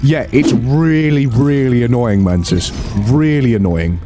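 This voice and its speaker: A man's voice: mid-range voice, unhurried, over music. A man giving casual gameplay commentary, swearing freely and talking to the game's characters in bursts of exasperation. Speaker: let's play host.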